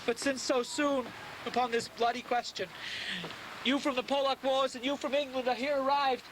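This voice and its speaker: Man acting a very high-voiced grieving loyal friend. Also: level tone, normal speed, noisy background. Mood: solemn, firm. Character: grieving loyal young friend of a dying prince. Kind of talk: Shakespearean stage acting.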